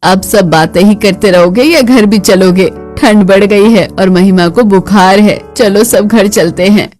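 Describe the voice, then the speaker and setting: Woman doing a kind cartoon mother-in-law, calm motherly tone, lower voice. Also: a little slow, faint music behind, close to an everyday voice. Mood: caring. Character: kind caring middle-aged mother-in-law. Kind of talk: animated family drama.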